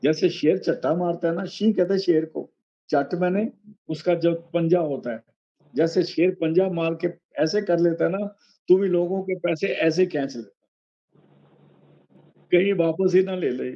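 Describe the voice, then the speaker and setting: An older man with a Punjabi accent comments on sacred verses in a sermon, repeating warnings and slowing down to recite. His voice is mellow and dark but sits a little high. The recording sounds dull and lo-fi. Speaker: satsang speaker explaining verses.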